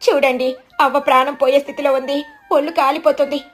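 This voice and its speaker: A woman's voice: sits high, level tone, brisk, fairly bright tone, soft background music, pitched above the performer's own voice. A woman voicing an anxious, caring young village wife who speaks in an urgent rush, in a storybook. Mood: alarmed. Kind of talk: storybook narration.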